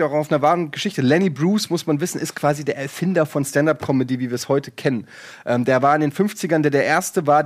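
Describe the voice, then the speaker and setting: Animated young man telling a story. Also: on the high side. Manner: animated storyteller, laughing, acts out quotes. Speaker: podcast host recommending a series. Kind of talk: casual chat.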